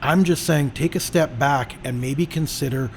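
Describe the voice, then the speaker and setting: A man's voice: a little high, normal speed, background noise. A middle-aged man from Canada hosting a podcast, talking in an emphatic, lecturing way. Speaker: podcast host. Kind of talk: casual conversation.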